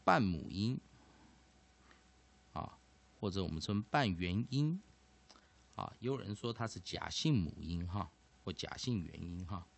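A man teaching a vocabulary and pronunciation lesson, explaining slowly and deliberately. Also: deep voice, expressive, creaky.

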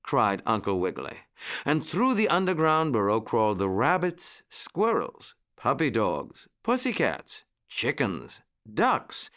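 Expressive male storyteller reading a children's tale. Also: medium pitch. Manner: expressive, dramatic pauses.

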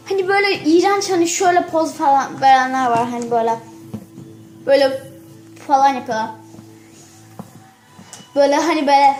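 A woman with a high, girlish voice chats straight to her camera as a vlogger. She acts out every example with theatrical flair, piling up repeated phrases. The sound comes from a plain built-in camera mic. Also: echoey room. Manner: animated, acts out examples dramatically; exaggerates for effect, repeats phrases. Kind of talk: casual chat to camera.

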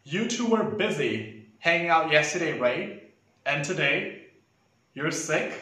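Haughty, camp fashion-designer boss played by a man, slightly high voice, slow condescending delivery, audition monologue. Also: fairly bright tone. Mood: indignant, sarcastic. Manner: condescending, theatrical, drawn-out rhetorical questions. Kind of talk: acted audition monologue to camera. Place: indoors, plain dark backdrop, echoey room. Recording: very echoey room.

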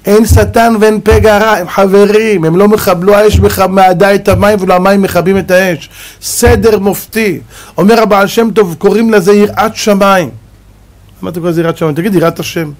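A male rabbi delivers a fiery Torah sermon in a fairly high voice. He keeps throwing rhetorical questions at his listeners. His delivery lurches between loud exclamations and quiet, low asides. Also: fairly even intonation. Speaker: rabbi giving a Torah lesson. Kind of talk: animated sermon.

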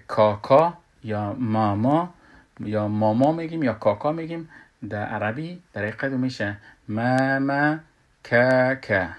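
Hesitant man with an Afghan Dari accent. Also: medium pitch. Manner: hesitant, many filler sounds, sounds out letters loudly. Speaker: Quran recitation teacher. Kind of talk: tajweed lesson.

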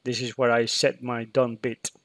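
A man's voice: mid-range voice, flat delivery, normal speed, no echo. A man explaining his programming in a screen-recorded tutorial, hesitant and full of fillers and restarts. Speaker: PLC programmer demonstrating code.

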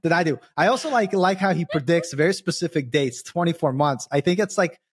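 A man's voice: a little high, brisk, husky. A man co-hosting a tech podcast, sarcastic and rambling with lots of fillers. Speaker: podcast co-host, programmer. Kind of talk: casual tech chat.

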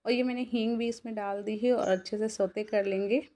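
A woman talks viewers through a home recipe in a steady, level voice that barely rises or falls. Her pitch sits in an ordinary middle range, and she explains each step plainly as she cooks. It sounds like a simple phone recording from a home kitchen. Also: brisk. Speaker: cooking channel host. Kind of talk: casual cooking voice-over.

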